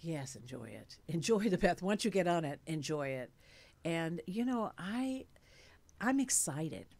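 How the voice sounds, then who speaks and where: In a studio lit blue and hung with dark curtains, an actress in her late sixties chats animatedly at a stand-mounted studio mic for a casual interview, dropping in many fillers. Her low, darkish voice swings widely in pitch and runs a little slow.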